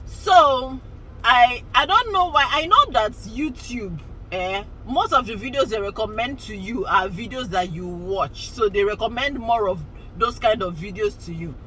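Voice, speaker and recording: A woman's voice: fairly high pitch, expressive, unhurried, pushed and bright, slight background noise, rough recording. A woman in her forties, chatting casually and rambling to her vlog viewers, often laughing. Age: 40s. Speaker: vlogger. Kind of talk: casual chat to camera.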